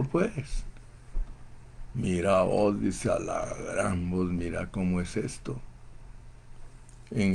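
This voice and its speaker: A man preaching a sermon in a slow, emphatic, fervent way, often calling his listeners brother. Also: lowish voice, vocal fry, darkish tone. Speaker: pastor.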